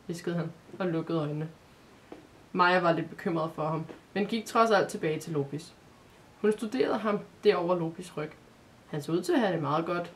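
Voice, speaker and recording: A woman reading a children's Christmas story aloud in a calm, measured way, with the odd small restart. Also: fairly low pitch.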